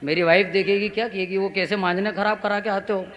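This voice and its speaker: Male stand-up comic poet, very high bright voice, acts out the voices of the people in his stories, on stage with a mic. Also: fairly quick, muffled recording. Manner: animated, acts out quoted voices, playful audience asides. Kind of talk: humorous stage storytelling. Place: stage before a live audience. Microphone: stage microphone.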